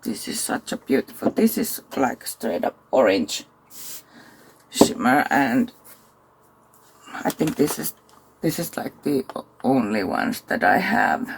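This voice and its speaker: A tired woman, chatting casually through a makeup tutorial and thinking aloud with soft asides. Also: a bass voice, big pitch swings, slow, creaky, pauses often, breathy edge. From Finland. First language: Finnish. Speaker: makeup vlogger.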